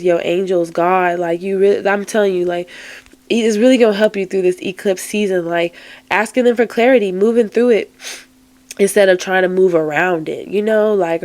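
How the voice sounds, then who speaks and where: A woman's voice: on the low side, darkish tone, no echo. Chatty woman doing a tarot reading. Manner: chatty, filler-heavy, emphatic and encouraging. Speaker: tarot card reader. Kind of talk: casual spiritual tarot reading.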